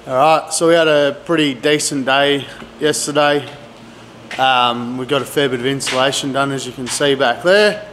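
This middle-aged DIY builder vlogs at normal speed in a medium-pitched, slightly bright voice with a steady tone. Talking casually and slangily to his handheld camera, he's recorded by its arm's-length mic in an echoey pole barn workshop with clear background noise.

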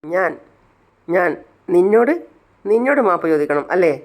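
Brief: sneering rich villain lady, taunting and shrill, voiced by a man. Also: moderate pace, natural voice. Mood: mocking. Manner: mocking, taunting. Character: villainous scornful wealthy woman.

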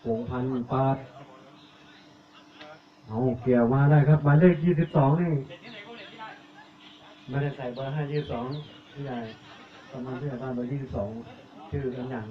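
A man giving live commentary on a village football match, reeling off player numbers and names and getting louder on attacks. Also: mid-range voice, steady tone, moderate pace, long pauses, crowd noise. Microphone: cheap tablet recording. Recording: echoey, tinny, phone-like audio.

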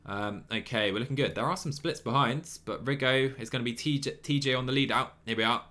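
A young man in his twenties streams a cycling management game from a small room, talking into a headset in a mid-range voice at a slightly fast pace. Chatty and excitable, he laughs often while reading chat and commenting on the live gameplay.

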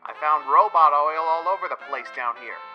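A man's voice: a little high, normal speed, lo-fi sound, close to an everyday voice. A man voicing a cocky young hedgehog hero playing detective in a comic dub. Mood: brisk, focused. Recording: music behind the voice.

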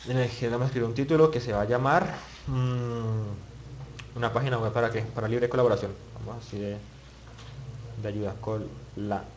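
A man's voice: mid-range voice, fairly even intonation, fairly quick, highs cut off, a little hiss or hum. A man teaching web page building in a screen-recorded tutorial, thinking aloud and muttering as he clicks, with many restarts. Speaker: web development instructor.

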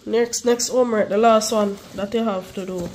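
A young mother and vlogger, stuffy-voiced with the flu, patiently coaxes her child through homework at home in a casual vlog. Her medium-pitched voice is steady and moderately paced against a noisy background.

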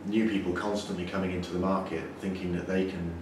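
A man in his forties, a brewer, explaining things in a measured way with frequent restarts during an interview in a brewery. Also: deep voice, little pitch movement. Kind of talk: interview answers. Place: indoor brewery floor. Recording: echoey, distant, noisy brewery room.

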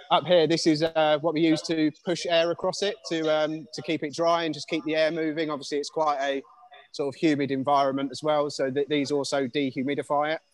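A man giving a casual guided walkthrough of a stadium's facilities over a phone call, with many fillers. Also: on the high side. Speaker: stadium grounds manager.

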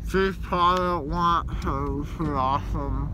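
A man's voice: fairly high pitch, steady tone, measured pace. A young man rambling loopily and disjointedly in a casual vlog, groggy, with mumbly, slurred speech. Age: young adult. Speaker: vlogger. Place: inside a moving car. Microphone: phone at arm's length. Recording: noisy car interior phone recording. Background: car and road noise.

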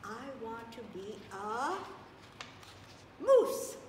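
A young storybook bunny boy, put on by an older woman, discontented and stubbornly wishful, read out as if to a toddler. The voice is highish and swoops through sing-song lists with stretched final words, heard in an echoey room. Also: lively intonation, moderate pace, fairly bright tone. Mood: insistent. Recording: echoey, noisy room, distant microphone.

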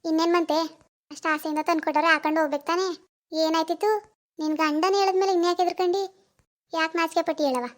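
Woman doing a high-voiced village mom from a cartoon, quick, flat-toned, coaxing and firm. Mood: scolding. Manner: coaxing, scolding. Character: caring village mother, middle-aged, firm and advising. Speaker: mother. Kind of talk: animated cartoon voice acting.

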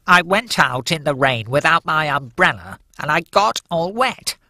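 A woman voicing a polite male penguin in a cartoon who has a stuffy sneezing cold and a gravelly, put-upon way of talking. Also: low-pitched, big pitch swings, measured pace, bright, forceful tone, no room sound, exaggerated voice. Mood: sniffly. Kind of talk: cartoon voice acting.

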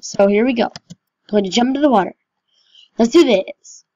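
A woman's voice: on the high side, normal speed, mellow, no room sound, muffled recording. A woman giving casual, chatty and self-mocking commentary over her own gameplay as a gaming channel host.

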